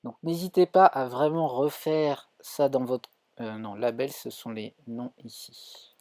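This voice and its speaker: A man's voice: medium pitch, fairly even intonation, a little slow, a little mellow, dry recording. A man with a French accent teaching a live coding tutorial, thinking aloud with many fillers and self-corrections. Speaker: coding instructor streaming.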